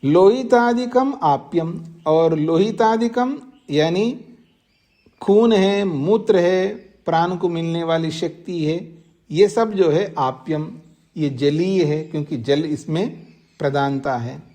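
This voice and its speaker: A man teaches a scripture class in an unhurried, measured way, reciting verse terms and breaking them down word by word. His voice sits on the higher side for a man, and he often pauses to ask his listeners questions. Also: warm tone. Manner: slow deliberate explaining, recites and repeats Sanskrit terms. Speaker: teacher of Vedanta sutras. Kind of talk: scriptural lecture. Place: ashram class.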